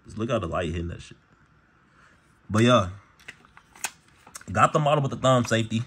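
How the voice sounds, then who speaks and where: A man's voice: lowish voice, lively intonation, normal speed, a bit bright, slight background noise. A man talking casually to camera as a gear vlogger, with a laid-back, slangy delivery full of "bro" and "y'all". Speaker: gun channel vlogger.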